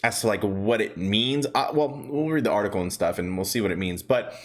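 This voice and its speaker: A man's voice: on the low side, expressive, fairly quick. A young man casually hosting a live stock chat, a little out of breath, rambling with restarts and reading viewer comments aloud. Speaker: stock vlog host.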